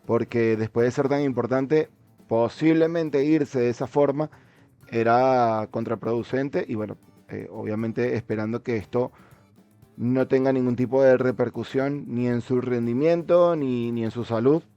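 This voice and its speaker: A man's voice: medium pitch, measured pace, warm tone, lo-fi sound, faint music behind. A man in a casual football discussion, speaking as a commentator in a hesitant way, often repeating words mid-sentence.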